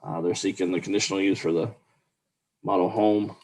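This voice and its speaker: A man's voice: sits low, fairly even intonation, brisk, darkish tone. A man reading out a formal staff report at a public meeting in a plain, procedural way.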